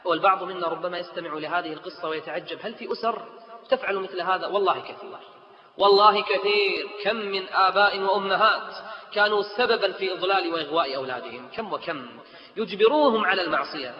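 A preacher tells a moving story at a rapid clip, his voice pitched fairly high, and he slips into the voices of the people in it. He is heard on a dull, lo-fi recording. A long reverb hangs around him, as in a large hall. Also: a crowd in the background. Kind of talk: sermon storytelling.

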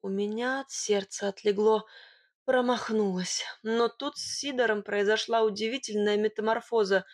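A woman narrating a first-person storybook in a lively, expressive way. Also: medium pitch, moderate pace, dry recording, studio quality. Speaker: audiobook narrator.

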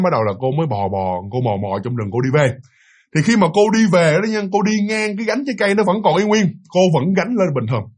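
Husky high-voiced Southern Vietnamese storyteller. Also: male voice. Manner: chatty, repetitive, asides to the listener. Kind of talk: casual spoken ghost story.

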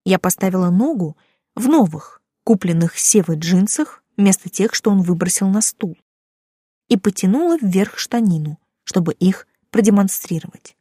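A woman narrating first-person fiction in a lively, expressive reading voice. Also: mid-range voice, normal speed, slightly rough, dry recording, clean studio sound. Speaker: audiobook narrator.

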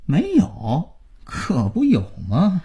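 A man's voice: on the high side, huge pitch swings, very slow, dark tone, husky, voice pushed up, full character voice. A man voicing a cool, sardonic young man, talking dryly and teasingly.

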